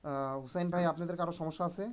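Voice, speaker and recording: A man's voice: on the high side, little pitch movement, rapid-fire. A man teaching Quran reading in an online group lesson, patient and encouraging, often checking whether students follow.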